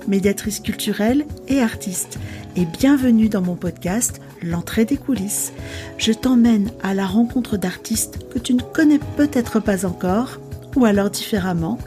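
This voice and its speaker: A woman hosting an arts podcast and interviewing a guest, speaking in a welcoming, direct way to the listener. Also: medium pitch. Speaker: podcast host and cultural mediator. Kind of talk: scripted podcast intro and interview. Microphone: video call.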